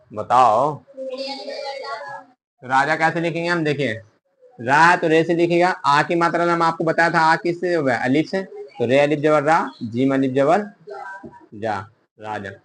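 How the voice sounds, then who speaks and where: A man with a fairly high, bright, forceful voice teaches a beginner lesson. He spells each word slowly, sound by sound, asking the listener which letter comes next and then giving the answer himself. His tone stays patient and instructive. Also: a little hiss or hum. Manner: quizzes the viewer, then answers his own questions. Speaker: Urdu teacher. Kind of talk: online language lesson.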